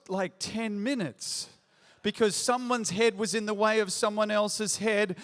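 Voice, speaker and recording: A man in his forties preaching to a large church crowd, his voice pitched high and bright. He tells his story with self-mocking humor and builds up to punchy questions. The sound rings out with a long hall reverb. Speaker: pastor. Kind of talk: sermon.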